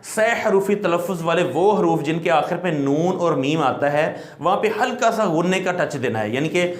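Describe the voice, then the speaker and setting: A man's voice: a little high, expressive, echoey room. A man teaching Quran recitation who explains patiently and draws out letter sounds as long demonstrations. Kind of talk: classroom lesson.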